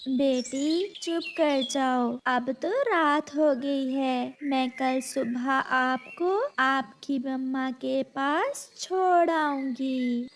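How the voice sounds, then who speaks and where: A gentle, caring mother sparrow, as the narrator puts her on in a children's cartoon. She soothes a crying child in a fairly high, very slow voice. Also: fairly even intonation, heavily acted. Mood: soothing.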